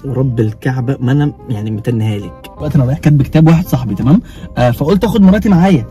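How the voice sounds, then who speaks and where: A man's voice: medium pitch, expressive, rapid-fire, mellow, highs cut off, soft background music. A young man with an Egyptian accent, bantering and teasing his wife in a car, swearing oaths and laughing. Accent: Egyptian Arabic. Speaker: vlogger, husband. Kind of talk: prank vlog banter. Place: inside a car.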